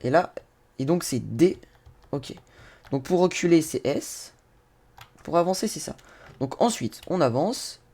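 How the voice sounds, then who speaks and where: A man's voice: fairly high pitch, animated, a little slow, pauses often, mellow. A man giving casual game tutorial commentary, talking straight to his viewers and laughing and swearing at his own mishaps. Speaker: gaming YouTuber.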